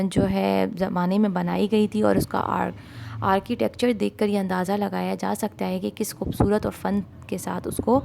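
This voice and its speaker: A woman teaching a school lesson, explaining slowly with many fillers and English words mixed in. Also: medium pitch, creaky, dark tone. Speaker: Urdu tutor. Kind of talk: online class lesson.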